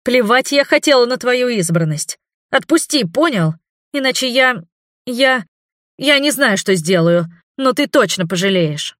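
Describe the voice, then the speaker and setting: A man voicing a defiant, hot-tempered young woman in an audiobook, with shrill, indignant outbursts. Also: animated, a little slow, a bit bright, dry recording, studio quality. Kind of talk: audiobook character voice.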